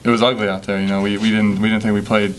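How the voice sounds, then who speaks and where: Young male athlete at a postgame presser; low, flat delivery, hesitant, faint background hum. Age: young adult. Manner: halting, many fillers and restarts. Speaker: college basketball player. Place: press conference room with sponsor backdrop. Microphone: table microphone.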